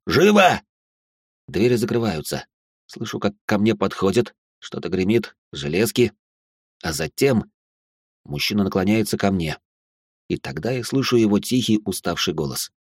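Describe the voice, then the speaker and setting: A man's voice: lowish voice, a little mellow, no echo, studio quality. Sardonic male audiobook narrator. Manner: sardonic, swearing inner monologue. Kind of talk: first-person audiobook narration.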